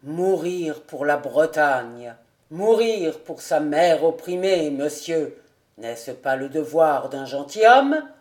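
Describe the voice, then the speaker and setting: A woman voicing a grave old male nobleman who speaks slowly and sadly for an audiobook. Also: deep voice, sing-song, darkish tone, pitched below the performer's own voice, full character voice. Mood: fervent. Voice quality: slow, sad, solemn delivery.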